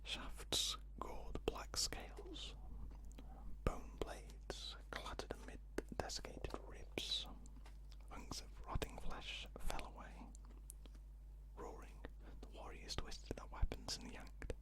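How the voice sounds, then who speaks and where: A narrator reading a fantasy story aloud in a breathy ASMR whisper, close to the microphone, deliberately and with pauses between short phrases. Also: poor audio. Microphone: close ear-to-ear stereo microphone.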